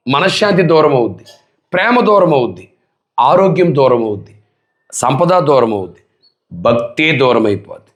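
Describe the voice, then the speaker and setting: A male pastor preaching a sermon, emphatic and full of rhetorical questions put to the congregation. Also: fairly high pitch.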